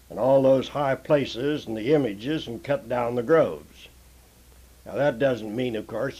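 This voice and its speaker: An older man giving a taped Bible lesson as a teacher, measured and deliberate, pausing often on "uh". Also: mid-range voice, darkish tone, husky, rough recording. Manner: measured, deliberate preaching with frequent "uh" pauses.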